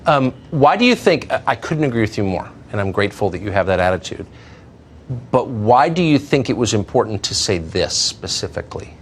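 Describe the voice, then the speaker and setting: A man's voice: lowish voice, big pitch swings, a little fast, a little hiss or hum. A man interviewing a guest in an earnest, conversational way, sometimes restarting his sentences.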